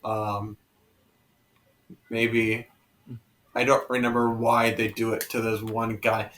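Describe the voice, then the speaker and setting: A man's voice: lowish voice, completely flat delivery, slow pace, a bit bright, a little hiss or hum. A young man co-hosting a casual film review, speaking hesitantly and stumbling over his words. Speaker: co-host.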